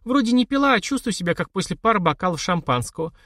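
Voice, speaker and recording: A man's voice: high-pitched, big pitch swings, fast talker, fairly bright tone, no echo, clean studio sound, pitched above the performer's own voice. A man voicing a playful, mocking widowed society lady in an audiobook. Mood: teasing. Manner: teasing, flippant.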